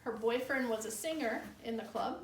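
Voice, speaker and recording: Inside an old bar building, a tour guide shares local legends conversationally, sounding skeptical and matter-of-fact. Her voice is a little high and moves at a normal speed. The mic sits far off, picking up a roomy echo and slight background noise.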